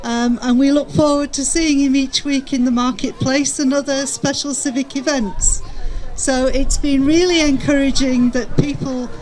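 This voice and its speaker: A woman giving a formal public speech as mayor, in a measured and courteous way. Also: high-pitched, steady tone, darkish tone, low-quality recording.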